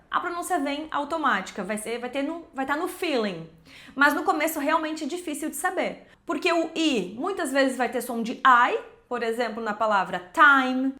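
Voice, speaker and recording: A woman teaching English pronunciation, explaining patiently and repeating example words slowly. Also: sits high, a bit bright. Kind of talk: pronunciation lesson to camera.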